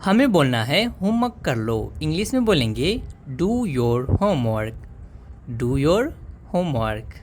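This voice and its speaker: Slow, lively-voiced man teaching English. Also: on the high side, slight background noise. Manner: slow, drawn-out repetition of English phrases. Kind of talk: spoken English lesson.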